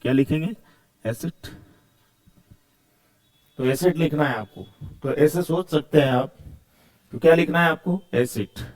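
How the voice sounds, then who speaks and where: In this video lecture, a male chemistry teacher with a somewhat high, brisk, slightly mellow voice keeps posing questions and answering them himself. He repeats key words as he goes.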